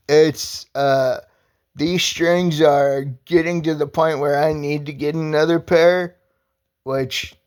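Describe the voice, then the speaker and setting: A man talking casually on his own vlog, halting and rambling with many restarts, earnest and heartfelt. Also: on the high side, clean tone. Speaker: vlogger. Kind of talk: casual personal vlog talk.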